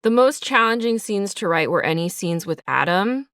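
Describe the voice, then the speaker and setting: A woman with a medium-pitched, animated voice speaks at a moderate pace, her tone fairly bright and smooth in clean, echo-free studio audio. She's a guest on a casual behind-the-scenes interview, the writer and creator of an audio drama, reflecting and thinking aloud as she talks.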